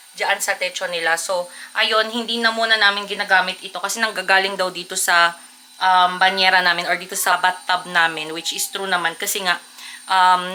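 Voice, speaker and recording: Chatty mom vlogger in a noisy home. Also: female voice, mid-range voice, pushed and bright. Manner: chatty, mixes Tagalog and English, addresses viewers as fellow moms. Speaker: family vlogger and mother. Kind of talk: casual chat to camera. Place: home indoors, kitchen and bathroom. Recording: home video with clear background noise.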